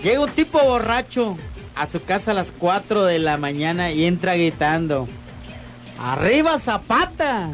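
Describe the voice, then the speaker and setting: A man's voice: high voice, moderate pace, faint music behind. A man co-hosting a morning radio show, playful and teasing. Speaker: radio co-host.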